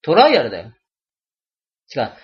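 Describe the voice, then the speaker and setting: A man's voice: fairly high pitch, wildly swooping pitch, moderate pace. A man, co-hosting a casual radio chat and teasing his friend. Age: 20s. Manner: teasing, playful, jumps between loud and quiet. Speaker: radio show co-host. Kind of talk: casual banter. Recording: dull lo-fi home recording.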